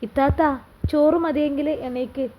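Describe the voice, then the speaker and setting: A woman voicing a lively young sister who bosses and cares for her family in a read-aloud story. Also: high-pitched, close to an everyday voice. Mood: bossy caring. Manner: brisk, bossy.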